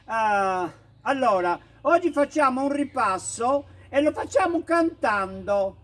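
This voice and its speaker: A man's voice: extremely high pitch, animated, takes it slowly, fairly bright tone, exaggerated voice. A man playing a fussy woman teacher of a comic dialect class, with a bossy way of checking in with her pupils. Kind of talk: comic sketch.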